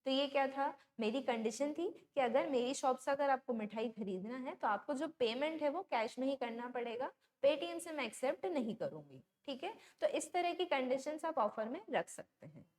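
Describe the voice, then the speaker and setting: High-pitched woman teaching law. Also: animated, a little mellow. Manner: explains by story, asks rhetorical questions; reads English legal phrases slowly. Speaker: law lecturer. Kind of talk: conversational Hindi lecture with English terms.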